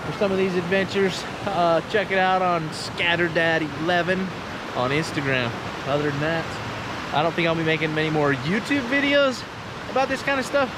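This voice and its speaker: A man talking casually to camera as a vlog host, in an informal, halting, rambling way. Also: fairly high pitch. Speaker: vlogger and host. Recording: noisy outdoor ambience, vehicle and river noise.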